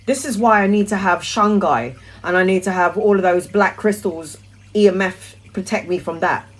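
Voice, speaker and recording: Woman, middle-aged, mid-pitch; casual, sweary tarot livestreamer. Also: normal speed, low-quality recording. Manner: chatty, blunt and sweary, with rambling restarts. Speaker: tarot reader answering viewer questions. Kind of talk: casual live-stream chat.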